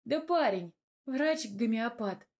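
A cheeky, sharp-tongued young heroine from a romance audiobook, as the narrator puts her on. Her voice jumps up high and bright, teasing and quick to tease back. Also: animated, heavily acted. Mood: playful. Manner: bright, raised, teasing delivery.

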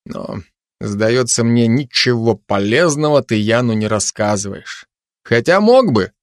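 A man's voice: medium pitch, lively intonation, unhurried, no room sound, natural voice. A man voicing a wry, grumbling male constable who bickers sarcastically with a cat in an audiobook. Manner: dry, sardonic, chatty banter with a cat.

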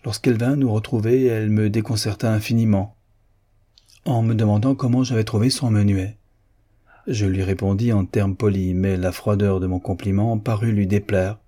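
A man narrating a classic novel in a calm, measured reading. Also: fairly low pitch. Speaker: audiobook reader. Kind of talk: scripted narration.

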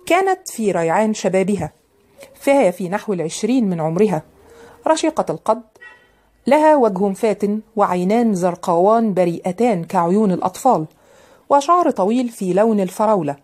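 A woman narrating a novel in a measured, even reading style. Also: medium pitch. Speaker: audiobook narrator. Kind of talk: scripted narration.

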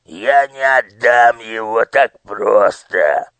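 A man voicing a fat, greedy official in an audiobook, whining slowly. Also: lowish voice, fairly bright tone, dry recording, voice pushed up. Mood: whiny. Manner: whining, slow, pleading.

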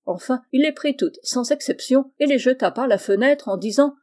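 Woman reading a storybook, mellow soft tone, calm and even. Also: high-pitched, moderate pace. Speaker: audiobook reader. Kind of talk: storybook narration.

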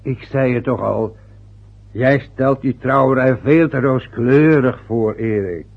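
In a vintage radio play, an actor voices a stubborn, wounded older father of a newly married son, lecturing and grumbling with an aggrieved, rambling, hesitant manner. His voice is medium-pitched, gravelly and slow. The old radio recording is dull and lo-fi.

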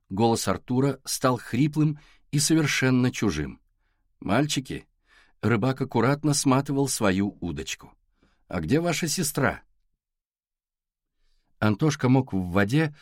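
A man narrating a novel aloud in a scripted, expressive reading. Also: medium pitch, dry recording, studio quality. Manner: expressive reading with acted dialogue. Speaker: audiobook narrator.

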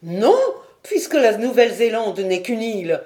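A woman reading aloud, voicing an excitable learned male geographer who explains his theory with eager emphasis. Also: mid-range voice, normal speed, lightly acted.

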